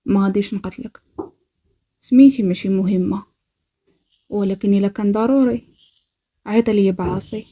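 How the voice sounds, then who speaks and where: A woman with a Moroccan accent voicing a possessive, menacing male mafia boss in a storybook, speaking low, quiet and controlling. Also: moderate pace, long pauses, natural voice. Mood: domineering.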